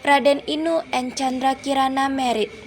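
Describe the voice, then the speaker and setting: A young woman narrates a school drama with an Indonesian accent, reading in a steady, plain way. Her voice is high, with faint noise in the background. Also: moderate pace, low-quality recording. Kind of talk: read-aloud story narration.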